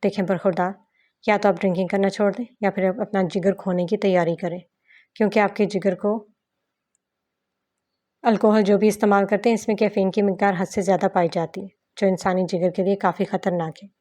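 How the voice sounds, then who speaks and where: Woman reading a formal male doctor, measured and serious, plain delivery. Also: medium pitch, fairly even intonation, mellow, natural voice. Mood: grave. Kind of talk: audiobook novel reading.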